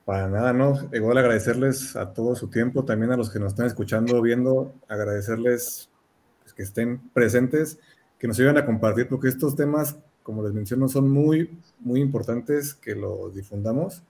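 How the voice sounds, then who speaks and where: A man's voice: mid-range voice, moderate pace, warm tone. A man co-hosting a live online talk show, earnestly urging listeners to share and follow. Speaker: podcast co-host. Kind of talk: casual live-streamed chat.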